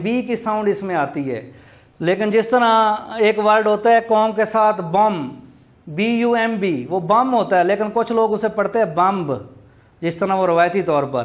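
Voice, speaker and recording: A man giving a recorded lecture on teaching English words, explaining slowly and spelling words out letter by letter. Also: high voice. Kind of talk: classroom lecture. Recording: dull lo-fi recording.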